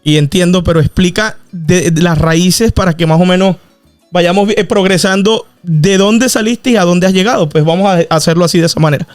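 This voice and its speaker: Podcast host, higher-pitched and chatty, prods his guest with fillers; dry mic, soft music. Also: fairly quick, no echo. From Venezuela. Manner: friendly, prodding questions with many fillers. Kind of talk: casual podcast interview.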